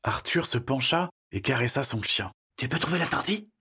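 A man voicing a timid, excitable young boy who stammers nervously in a storybook reading. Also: medium pitch, moderate pace, slightly rough, exaggerated voice. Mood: eager.

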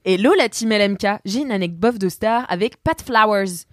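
Woman podcast host, lively and theatrical reading, dry close sound. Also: mid-range voice, moderate pace, dry recording. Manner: lively, laughs often, dramatic when reading. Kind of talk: casual chat, reading listener messages aloud.

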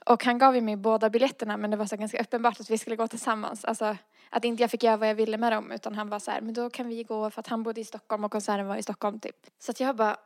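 A woman's voice: a little high, little pitch movement, dry recording, studio quality. A woman casually telling a personal story and acting out the dialogue in it, full of fillers. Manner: acts out quoted dialogue, frequent fillers.

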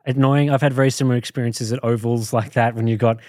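A man's voice: mid-range voice, steady tone, fast, darkish tone, no echo, clean studio sound. An Australian man chatting casually as a podcast host, telling things in a rambling, conversational way. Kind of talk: casual chat.

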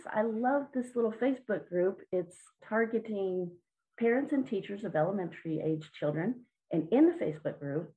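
A woman's voice: fairly low pitch, warm tone, low-quality recording. A woman answering interview questions as a children's mindset coach, earnest and encouraging, sometimes repeating words.

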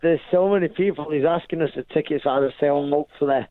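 A man's voice: fairly high pitch, quick pace. A man with a Manchester accent, a boxer giving a casual, matey radio interview over the phone. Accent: Manchester, English. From Manchester, England. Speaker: professional boxer being interviewed. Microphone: phone call. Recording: narrow, tinny phone line.

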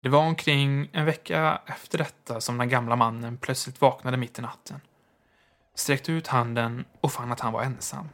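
A man narrating a horror story in a measured, hushed manner. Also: medium pitch, steady tone.

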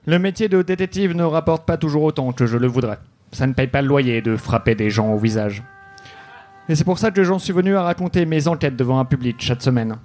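A man telling a deadpan, mock-noir detective story live on a comedy club stage. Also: medium pitch, fairly quick. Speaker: comedy podcast host.

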